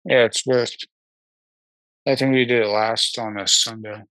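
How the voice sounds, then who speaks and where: A man's voice: mid-range voice, fairly even intonation, a little slow, fairly bright tone, no echo, poor audio. A man co-hosting a podcast over a video call, chatting casually with dry, offhand quips. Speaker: podcast co-host. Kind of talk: casual chat.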